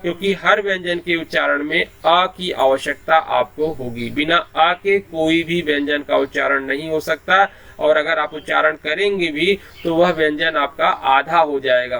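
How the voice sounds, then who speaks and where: A man's voice: on the high side, normal speed, creaky, hardly any pauses, sharp tone. A man teaching Hindi in an online class, explaining patiently and sounding out letters one by one, with a habit of repeating a filler phrase.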